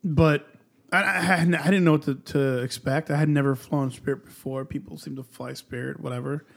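High-voiced man telling a rambling story. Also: steady tone, moderate pace, creaky. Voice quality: tall and large build said. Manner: rambling storyteller, swears freely, acts out quotes. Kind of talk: casual chat.

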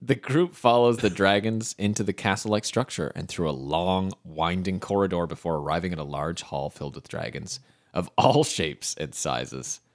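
A man's voice: sits low, moderate pace. A young man narrating an AI-run tabletop game, reading the text aloud and joking in between. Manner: reads narration aloud, breaks off laughing and joking.

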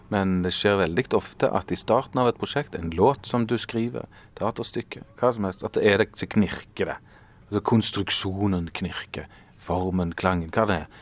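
A man in his forties, an artist talking in an interview, thoughtful and searching for words with many fillers and restarts. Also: low voice. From Norway. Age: 40s. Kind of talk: casual interview conversation.

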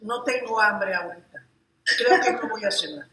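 A woman co-hosting a gossip chat, an animated, slangy, teasing storyteller. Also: a little high, moderate pace. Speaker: gossip show co-host. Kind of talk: casual showbiz gossip chat. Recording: echoey room.

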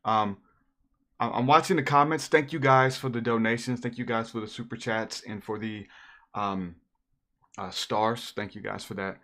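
Relaxed folksy man hosting a live stream. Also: mid-range voice, moderate pace. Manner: relaxed, folksy, talks with a religious slant. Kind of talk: casual live-stream interview.

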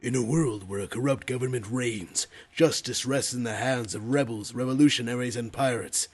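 Stuffed-up man doing dramatic trailer voice. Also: breathy edge. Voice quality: congested, stuffed-up nose. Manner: dramatic, deliberately deepened voice. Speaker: podcast promo reader. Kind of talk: movie-trailer style promo reading.

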